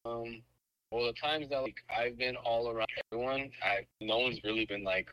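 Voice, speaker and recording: A young man calling in through a phone on speaker, chatting casually in a hesitant, halting way with slang. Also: mid-range voice, fairly even intonation, sharp tone, dry recording, rough recording. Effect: heard through a phone on speaker. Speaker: friend called in over the phone. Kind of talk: casual chat.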